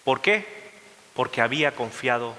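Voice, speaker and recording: A male pastor preaching a sermon, retelling a scripture story in a lively way and asking the congregation questions. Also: medium pitch, normal speed. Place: church sanctuary. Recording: long church reverb.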